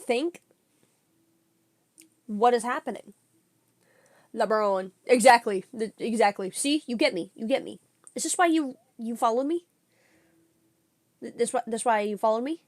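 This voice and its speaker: A young woman streaming a reaction video, chatting casually in an excitable, slangy way while snacking. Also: a little high, normal speed, pauses often.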